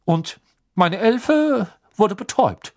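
A man's voice: sits high, sing-song, slow pace, voice pushed up, exaggerated voice. A man voicing a stiff older ministry official who speaks in tense, clipped bursts. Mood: strained.

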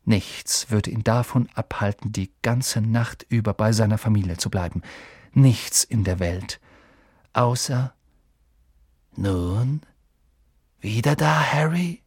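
A man calmly narrating a storybook in a measured way. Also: on the low side, husky, no room sound, studio quality. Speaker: audiobook narrator.

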